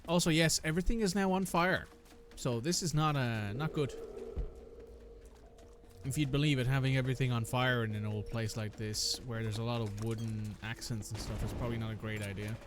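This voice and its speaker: A man's voice: mid-range voice, little pitch movement, normal speed, over music. A man giving casual commentary while playing a video game, speaking with wry understatement. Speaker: let's player.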